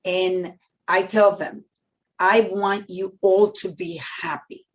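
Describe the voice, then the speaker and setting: A middle-aged woman from the Dominican Republic, speaking with a Dominican Spanish accent, tells personal stories as a podcast guest; she is a medical center executive. Her voice is medium-pitched and level, and she speaks slowly. She is emphatic and tends to repeat phrases.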